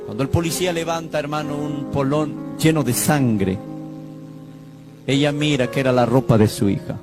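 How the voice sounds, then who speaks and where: A man's voice: fairly high pitch, moderate pace. A male pastor preaching a sermon, telling a story with feeling and speaking directly to the congregation. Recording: music playing behind. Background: instrumental music.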